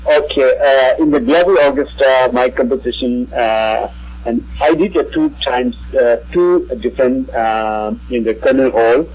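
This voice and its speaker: A male musician being interviewed on radio. He has a Tibetan accent and a somewhat husky voice, and he works through his answers in halting, broken English. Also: mid-range voice, a little mellow, poor audio. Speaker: musician guest.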